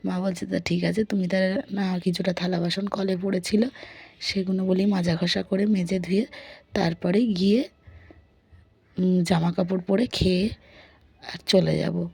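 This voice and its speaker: A woman's voice: lowish voice, steady tone, a little slow, creaky, pauses often, a little mellow, slightly rough, no echo. A young woman with a sore throat, chatting through her day in a casual vlog and recounting her chores and family talk. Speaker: vlogger. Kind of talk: casual daily vlog narration.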